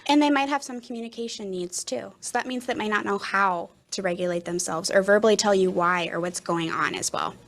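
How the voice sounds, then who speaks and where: Woman teacher with a mid-pitched voice. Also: fairly quick, vocal fry, hardly any pauses, fairly bright tone. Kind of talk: conversational school announcement for children.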